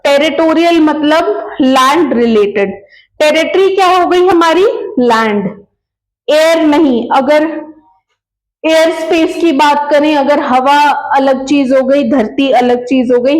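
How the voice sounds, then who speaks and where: A woman's voice: high voice, slow pace, a little mellow, reverberant, low-quality recording. A woman teaching a law class, mixing Hindi and English, asking questions and answering them herself, repeating key terms. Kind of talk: lecture.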